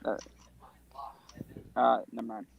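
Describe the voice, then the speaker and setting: A man's voice: mid-range voice, flat delivery, slow, creaky, narrow, tinny audio, slight background noise. A man bantering on a casual podcast, joking and playfully arguing with the others.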